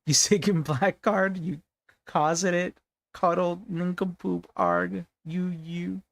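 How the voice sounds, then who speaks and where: A man's voice: sits high, fairly even intonation, slow pace, vocal fry, exaggerated voice. A man voicing a fussy, pompous male photographer with a theatrical, flowery manner, reading game lines aloud. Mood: enraged. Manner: theatrical, flowery, sputtering insults.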